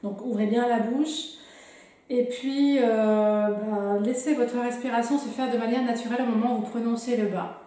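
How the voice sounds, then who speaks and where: A woman teaching a drama class, calmly leading breathing and voice warm-up exercises and encouraging the listener. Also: fairly high pitch, normal speed. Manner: calm, gently encouraging, leading exercises aloud. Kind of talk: guided warm-up lesson. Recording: very echoey room with music behind.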